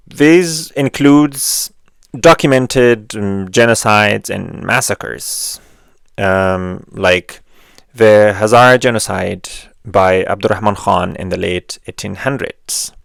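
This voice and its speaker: Slow, gravelly man explaining earnestly. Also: lowish voice, fairly bright tone, no echo, studio quality. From Afghanistan. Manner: measured and earnest, pausing with frequent fillers. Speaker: video essay host. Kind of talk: explanatory monologue.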